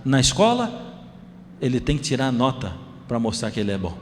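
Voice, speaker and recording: A man's voice: medium pitch, fast, a little mellow, in a large hall, a little hiss or hum. A man with a Brazilian Portuguese accent, a pastor telling a family story in a sermon and acting out the dialogue.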